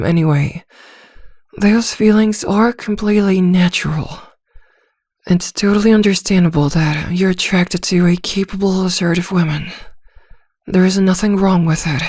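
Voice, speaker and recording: In an ASMR roleplay, a woman plays a composed, attentive therapist, speaking in a slightly low, soft voice. Measured and reassuring, she gives advice and probes gently with small hesitations. The sound is very dry, with no room sound at all.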